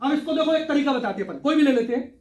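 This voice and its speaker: Middle-aged male drama teacher, high voice, echoey classroom, heard from a distance over a crowd. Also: racing. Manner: animated, demonstrates lines syllable by syllable. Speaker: drama lecturer. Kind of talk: lecture workshop with class. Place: classroom with audience. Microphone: far from the mic. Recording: echoey room from far off with crowd.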